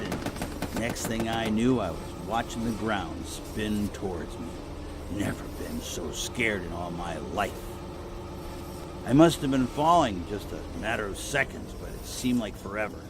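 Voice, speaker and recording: In an audio drama monologue, a male actor with a medium-pitched voice plays a weary, wistful elderly American war veteran, reminiscing in a folksy, halting, rambling way. The mood is tense recollection, and the recording is very noisy.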